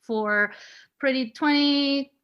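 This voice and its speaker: In a casual interview with lo-fi sound, a woman in her forties from Switzerland, a native speaker of Swiss German and German, takes her time in a high voice. As a guest, she's friendly, laughs frequently and gropes for words.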